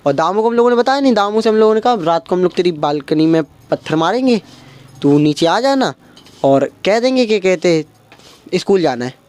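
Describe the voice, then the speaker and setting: A young man. He is animated and keeps slipping into his friends' voices as he tells the story. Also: high voice, fairly quick. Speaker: stand-up comedian. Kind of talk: stand-up storytelling.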